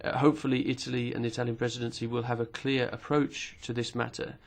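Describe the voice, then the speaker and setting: Interpreting speeches live at a parliamentary committee hearing, this man speaks in a formal, measured way, pausing and now and then using fillers. His mid-range voice is gravelly and shows little pitch movement.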